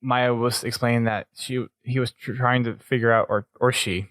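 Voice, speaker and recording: A man co-hosting a podcast, recapping an episode in casual talk, often pausing and restarting his sentences. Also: medium pitch, steady tone, a bit bright, dry recording. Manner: halting, restarts often while summarizing. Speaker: podcast co-host.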